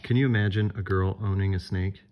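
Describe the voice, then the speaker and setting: A man's voice: deep voice, steady tone, a little fast, dull audio. A man acting as a homeschool teacher, making playful, chatty asides during a read-aloud story.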